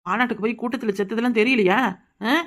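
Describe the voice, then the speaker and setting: A woman voicing a sharp-tongued young village woman in a cartoon comedy, sarcastic and irreverent, with a Kanyakumari Tamil accent. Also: on the high side, steady tone, fast talker, lightly acted. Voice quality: sarcastic, mouthy.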